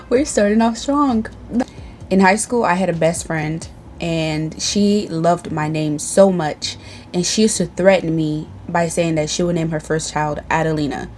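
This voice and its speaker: Faint music sits behind this young Tanzanian beauty vlogger as she reads from a tablet at home for a casual get-to-know-me video to camera. Bold, playful and sassy, she speaks unhurriedly in a lowish, slightly mellow voice and pauses often.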